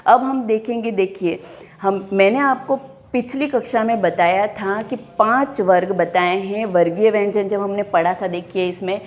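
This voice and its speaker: A woman teaching a class, speaking slowly and clearly, spelling out each sound and asking her pupils questions as she goes. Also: mid-range voice, darkish tone. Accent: Hindi. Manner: slow, deliberate, enunciating each sound and posing questions to pupils. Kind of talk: classroom lesson.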